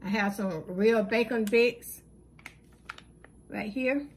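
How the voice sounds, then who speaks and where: With a fairly high-pitched voice, a channel host casually goes over her groceries item by item, recorded at home off camera. Her listing is plain and unhurried with lots of fillers, and a slight hiss or hum can be heard.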